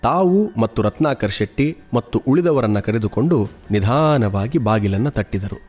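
Steady male true-crime narrator. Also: mid-range voice, soft background music. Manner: measured, steady storytelling. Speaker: podcast narrator.

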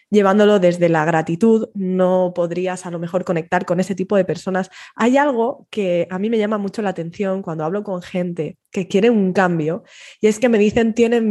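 A woman hosts a conversation. Her voice is mellow and mid-pitched, and her delivery is calm, reflective and encouraging. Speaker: host, interviewer. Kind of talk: casual conversational interview.

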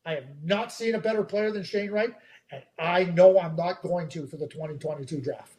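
A man with a fairly high voice talks through hockey prospects on a podcast. He is emphatic and animated, stacking repeated words as he drives his points home. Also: brisk. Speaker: hockey draft analyst. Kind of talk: podcast chat.

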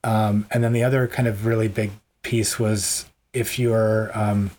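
A man's voice: on the low side, flat delivery, measured pace, a little mellow. A man co-hosting a podcast in casual chat, joking, rambling and often laughing. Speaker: podcast co-host.

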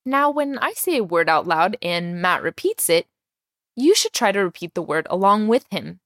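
A woman born in Iran whose first language is Persian, teaching a scripted podcast language lesson with clear, upbeat delivery and slow modelling of words. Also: mid-range voice, very animated, a bit bright, dry recording, clean studio sound.

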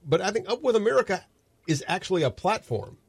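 A man's voice: high voice, big pitch swings, fast, breathy edge. A man hosting a talk radio show, folksy and sarcastic with lots of fillers. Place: radio studio. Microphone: studio microphone.

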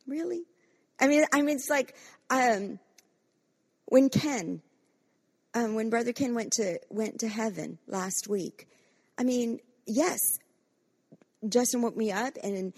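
Husky woman pastor preaching fervently. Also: fairly high pitch, slow, pauses often. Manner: fervent, acts out quoted voices, many restarts. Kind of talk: sermon leading corporate prayer.

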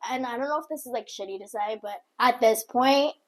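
Raspy, higher-pitched young woman telling stories. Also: brisk. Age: young adult. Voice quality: raspy, smoker-like gravelly voice. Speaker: podcast co-host telling a story. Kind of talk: casual conversational storytelling.

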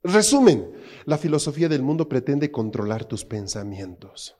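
Give me a man preaching a sermon with emphatic force. His voice sits at a middle pitch. He keeps turning to the congregation with rhetorical questions. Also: sing-song, normal speed, warm tone.

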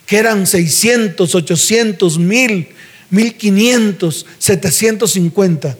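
A pastor preaching a sermon in a church, telling a story in slangy everyday speech and then exhorting slowly and forcefully. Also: male voice, sits high, husky. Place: church sanctuary.

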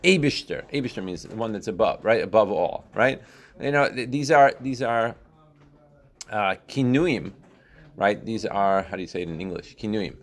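A man's voice: fairly low pitch, lively intonation, brisk. A man giving an informal religious text lesson as a teacher, reading line by line, rephrasing and often checking in with short tag questions. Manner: explanatory, repeats and rephrases, checks with frequent "right?". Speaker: Torah teacher.

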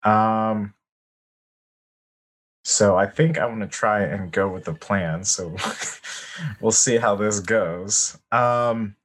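A man's voice: lowish voice, takes it slowly, pauses often. A man playing a tabletop game, hesitant and thinking aloud. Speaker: player. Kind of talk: casual game chat.

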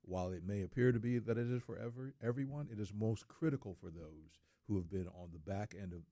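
A man's voice: fairly low pitch, fast, warm tone, no room sound. A middle-aged man in casual studio talk, speaking earnestly and repeating words for emphasis.

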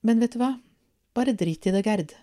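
A woman's voice: fairly high pitch, dark tone, pitched above the performer's own voice, close to an everyday voice. A woman reading the lines of a nervous, pale schoolgirl in a storybook, voice slightly raised. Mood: stung.

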